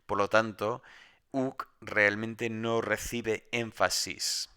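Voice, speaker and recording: Male teacher giving a recorded lesson at home; bright, resonant voice, patient explanation. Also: on the low side, little pitch movement, slow, clean tone. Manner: explanatory, with many restarts. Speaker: Greek teacher.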